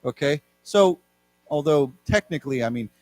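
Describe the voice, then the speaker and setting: A man teaches English vocabulary to a live class, explaining each word and having the room repeat it. His voice sits a little high. A faint electrical hum runs under the recording. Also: lively intonation, moderate pace, dry recording. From Taiwan. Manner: explains words, has the class repeat them. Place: lecture room.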